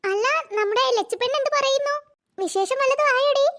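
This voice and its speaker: A woman's voice: extremely high pitch, brisk, background noise. Woman doing a chatty cartoon neighbour. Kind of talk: cartoon voice acting.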